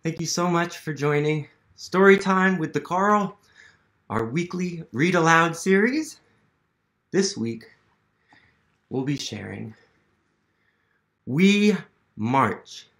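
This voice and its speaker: Indoors in a small living room at home, a thirty-something American museum literacy educator runs a children's storytime, questioning and encouraging the kids as he reads aloud. His fairly high voice is a bit bright, with lively intonation, a slow pace and many pauses.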